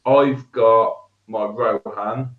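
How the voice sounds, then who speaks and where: Another podcast co-host, also in his thirties, has a voice on the low side and is animated and quick to laugh. He talks tabletop miniatures casually, often trailing off and starting again, in a dull, lo-fi recording from an echoey room.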